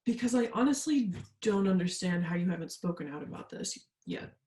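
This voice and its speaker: In a staged reading, a young woman plays an insistent, haunted student hunting for the truth, earnest and full of pressing questions. Her fairly low voice is expressive, brisk, warm and lightly acted, with an urgent, probing mood in a roomy, echoing space.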